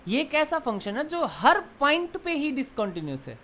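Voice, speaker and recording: A male math lecturer giving a classroom lecture in mixed Hindi and English. He explains step by step, keeps asking students quick check questions and answers them himself. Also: very high voice, big pitch swings, pushed and bright.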